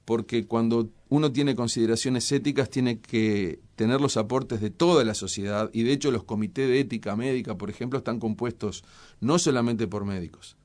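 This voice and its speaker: A middle-aged man with a Uruguayan accent, answering interview questions as a scientist in a measured, explanatory way with frequent hesitations. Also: medium pitch, darkish tone. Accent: Uruguayan Spanish. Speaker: scientist guest.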